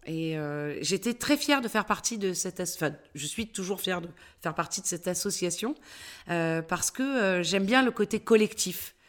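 A middle-aged woman with a Parisian accent speaks as a voice coach in a relaxed interview. Her pitch sits a little low, and she talks in an animated way, pausing often on fillers as she thinks aloud. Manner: animated, many hesitations and fillers. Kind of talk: casual interview talk.

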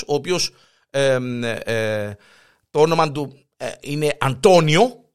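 Animated Cypriot Greek man recounting gossip. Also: on the high side. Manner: animated, jokey storytelling. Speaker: host. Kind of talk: comic gossip news chat.

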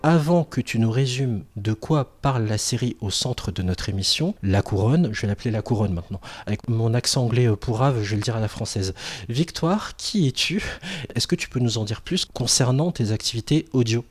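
A man's voice: mid-range voice, a little fast. A man hosting a podcast in casual chat, with jokey, self-mocking asides. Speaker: podcast host.

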